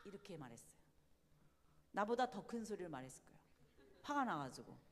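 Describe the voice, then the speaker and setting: A woman giving a Bible study lecture, animated and emphatic, often putting rhetorical questions to her listeners. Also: fairly low pitch, brisk, long reverb tail.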